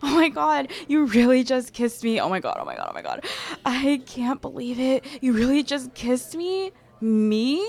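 A young woman voicing a jealous girl who confesses her feelings to a friend, speaking softly and intimately to the listener. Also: a little high, expressive, slow, long pauses, heavily acted. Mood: teasing, playful. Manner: soft, intimate, addressing the listener directly. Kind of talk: audio roleplay to a listener.

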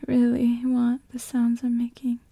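A woman in an intimate, erotic ASMR role-play for one adult listener, breathy and halting, speaking right in the ear. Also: a little high, completely flat delivery, dark tone, dry recording. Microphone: very close microphone, dry.

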